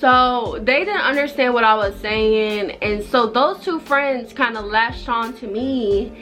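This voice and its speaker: A woman's voice: on the high side, measured pace, a bit bright. A young woman from Jamaica telling a personal story in a casual, rambling, conversational way. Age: young adult. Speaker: vlogger. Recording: music behind the voice. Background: background music.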